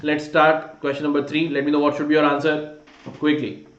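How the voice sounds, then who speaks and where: An Indian man with a fairly high voice runs a live online lesson. He speaks informally, urging students on and slipping Hindi phrases into English. The sound is slightly dull, with a strong room echo. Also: monotone, brisk, fairly bright tone. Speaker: online maths teacher. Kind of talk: live online class quiz, teaching. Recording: dull, roomy, echoey sound.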